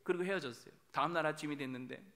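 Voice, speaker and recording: A male pastor delivering a sermon in a church, with a high-pitched voice. His tone is bright and forceful. He preaches in an animated way and acts out the people in his stories. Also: rapid-fire. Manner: animated storytelling, acting out imagined dialogue with laughs. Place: church sanctuary.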